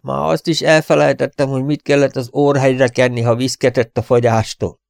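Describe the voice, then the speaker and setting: A man's voice: medium pitch, little pitch movement, a little mellow, no room sound, clean studio sound, voice pushed up, lightly acted. A man voicing an old, wheezing former actor turned bandit, who speaks with pompous theatrical pathos. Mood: wistful. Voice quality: wheezy, rasping.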